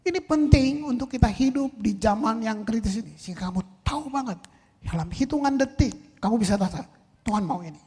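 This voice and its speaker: A male pastor preaching a sermon, firing rhetorical questions and swinging between loud and soft. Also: high voice, a little fast, husky. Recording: long reverb in a large hall.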